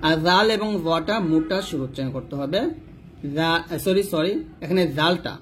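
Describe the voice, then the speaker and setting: Patient high-voiced man drilling letter sounds. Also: a little hiss or hum. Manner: repeats and drills syllables slowly, patient. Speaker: Quran recitation teacher. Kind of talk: slow instructional explanation with drilled letter sounds.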